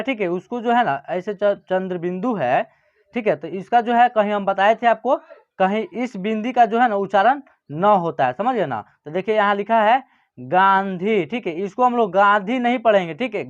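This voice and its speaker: A man teaching a reading lesson who says each word slowly and twice, checking often that listeners follow. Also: sits high. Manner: often adds "ठीक है ना" and "समझ गए ना". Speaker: Hindi teacher. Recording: muffled lo-fi recording.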